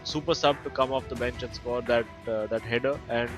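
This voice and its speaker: A man's voice: medium pitch, steady tone, fairly quick, faint music behind, low-quality recording. Chatty male esports co-commentator. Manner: chatty, many fillers and restarts. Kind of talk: esports commentary, casual analysis.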